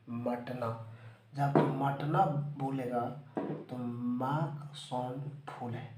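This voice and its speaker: A man teaches English spelling at a deliberate, unhurried pace, repeating each word over and over. His voice sits in a middling register. The room rings back with a noticeable echo over a faint ambient hum. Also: medium pitch, a little mellow. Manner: slow, repetitive, drilling words aloud to students. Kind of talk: spoken spelling lesson. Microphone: handheld phone recording, teacher not on camera.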